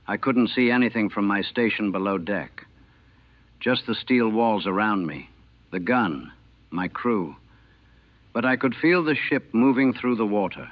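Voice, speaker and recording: Older man in his sixties, navy veteran on an old recording, plain and clipped, fairly low voice, narrow tinny sound. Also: no room sound. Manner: plain, matter-of-fact, clipped sentences. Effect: old 1940 recording. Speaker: navy veteran recalling a battle. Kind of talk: first-person war reminiscence. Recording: thin, dry, phone-like old recording.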